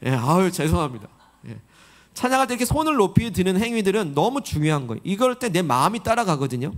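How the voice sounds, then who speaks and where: Pastor, male, high-pitched voice, earnest sermon delivery with coaxing questions to the congregation. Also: very animated, fast. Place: church sanctuary.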